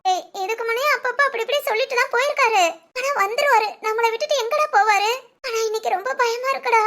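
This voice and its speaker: Woman voicing a cartoon village mother, piercingly high voice, anxious, hushed pleading, family drama. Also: fast talker. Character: worried middle-aged village mother. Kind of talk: animated family drama dubbing.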